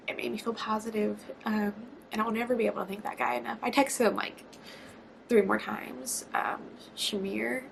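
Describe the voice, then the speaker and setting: A woman's voice: a little high, vocal fry, slight background noise, poor audio. A young woman from Georgia, chatty and near tears as she tells a personal story for her vlog. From Georgia, USA. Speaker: vlogger.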